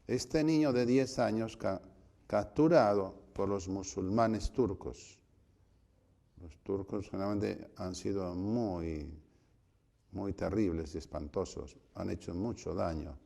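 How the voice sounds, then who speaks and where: A man, a priest, giving a spiritual retreat conference, telling stories and acting out voices with sudden shouts. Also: deep voice, slow, vocal fry. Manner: storytelling, acts out voices with loud shouts.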